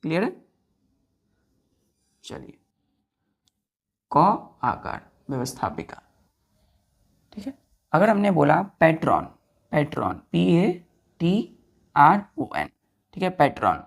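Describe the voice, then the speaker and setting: A woman's voice: low voice, wildly swooping pitch, takes it slowly, creaky, pauses often, husky. A woman teaching grammar to students, spelling words out letter by letter, repeating each answer and checking that they follow. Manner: keeps checking if students understood.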